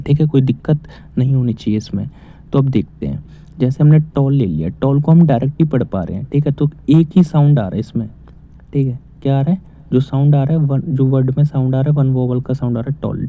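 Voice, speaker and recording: A man teaching grammar, asking questions and then answering them himself. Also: medium pitch. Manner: explains step by step, asks and answers own questions. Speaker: English teacher. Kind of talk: casual spoken lesson. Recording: tinny phone-like audio.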